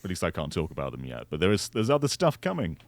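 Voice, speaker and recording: A man's voice: sits low, wildly swooping pitch, fast, no echo. A man guesting on a gaming podcast, easygoing and amused. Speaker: guest video maker and voice actor. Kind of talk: casual gaming chat.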